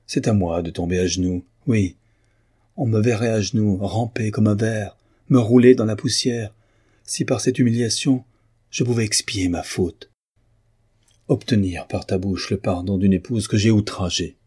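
A man's voice: on the low side, fairly even intonation, normal speed, warm tone, slightly rough. A man voicing a tormented remorseful old father. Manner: passionate, tormented outbursts. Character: anguished remorseful aristocratic father, older man.

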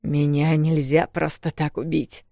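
A woman voicing a huge, cold male wolf who gives slow, firm, growled commands. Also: low-pitched, level tone, gravelly, warm tone, dry recording, clean studio sound. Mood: stern.

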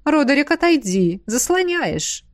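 A woman's voice: high voice, big pitch swings, a little slow, no echo, studio quality, pitched above the performer's own voice. A woman voicing a blunt, fierce young woman watching a fight with relish. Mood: intense. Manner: intense, blunt and unceremonious.

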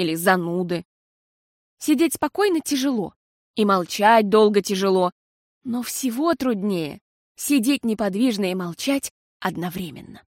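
A woman narrating a children's audiobook in an expressive, playful way. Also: on the high side, no room sound, clean studio sound. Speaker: audiobook reader.

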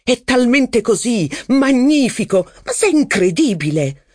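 Male narrator doing a fiery young aristocratic officer, high and insistent, bursting with enthusiasm. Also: no echo, clean studio sound. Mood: excited. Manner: excitable, insistent, quick to cheer.

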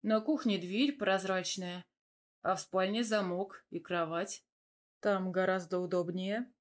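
A woman reading as a gruff, teasing husband. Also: medium pitch, fairly even intonation, measured pace, close to an everyday voice. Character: teasing, adoring young husband.

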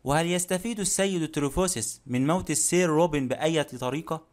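A male reader plays a courteous, shrewd detective who asks questions gently and calmly. The voice drops a little lower and quieter than the narration. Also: fast talker, lightly acted. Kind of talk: audiobook character reading.

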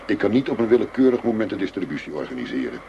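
This actor's fairly low voice is creaky and sing-song, and his lines come rapid-fire through a muffled, noisy radio-play recording full of ambience. He portrays a sharp undercover policeman masquerading as a hardened dealer, keeping the tone hard and all business.

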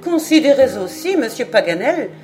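A woman voicing a gracious Scottish lady who speaks in a soft, engaging, persuasive way. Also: on the high side, very animated, normal speed, faint music behind, pitched above the performer's own voice.

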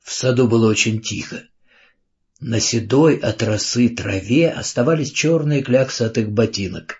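A man narrating an audiobook in a calm, even storytelling manner, on a dull lo-fi recording. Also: medium pitch, normal speed.

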